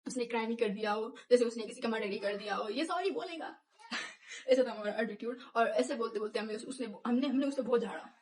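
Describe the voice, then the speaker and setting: A young woman vlogger telling a personal story in casual chat, animated and laughing often, acting out what people said. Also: a little high, brisk, a crowd in the background. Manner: animated, laughs often, acts out quoted lines.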